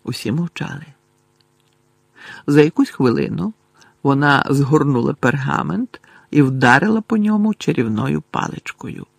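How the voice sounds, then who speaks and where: A man narrating an audiobook in an even, measured storytelling voice. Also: mid-range voice, vocal fry, husky, no echo.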